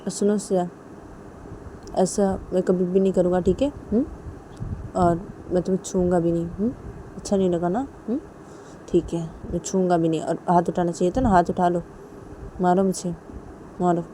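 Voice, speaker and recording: A woman's voice: on the low side, fairly even intonation, normal speed, pauses often, mellow, slight background noise, natural voice, poor audio. A woman voicing a hurt partner who taunts and dares the other to hit. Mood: defiant. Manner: taunting, insistent. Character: hurt, defiant partner daring a slap.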